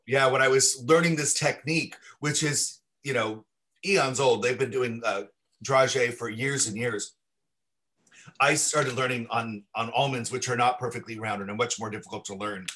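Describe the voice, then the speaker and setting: A man's bright, forceful voice of medium pitch moves at normal speed as he, a chocolatier and guest on a livestream video call, describes his products. He's eager, detailed and casual, with plenty of restarts.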